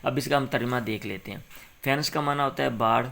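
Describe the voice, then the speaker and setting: A man's voice: mid-range voice, vocal fry, bright, forceful tone. A man tutoring a young pupil through an English exercise, patiently saying short phrases for the pupil to repeat and then explaining them.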